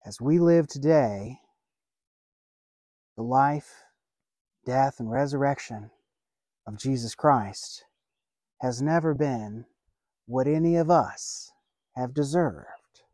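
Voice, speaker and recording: By a lake, a seated pastor in his thirties gives a slow, earnest sermon broken by long pauses, building his argument in measured phrases. A lapel mic records his mellow, warm, mid-range voice close and dry, with no echo.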